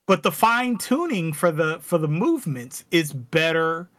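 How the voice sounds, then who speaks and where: A man's voice: on the high side, very animated, measured pace, fairly bright tone. A man co-hosting a casual podcast chat, telling stories in a chatty way, full of "like" fillers. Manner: storytelling, chatty with many "like" fillers. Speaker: podcast co-host.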